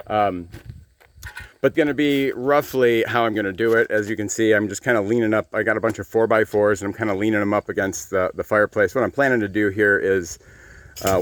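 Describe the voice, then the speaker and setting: Low-voiced American man rambling outdoors. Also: a bit bright. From United States. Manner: rambling, halting, many fillers. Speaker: channel host. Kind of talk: casual vlog update. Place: outdoors on a farm backyard.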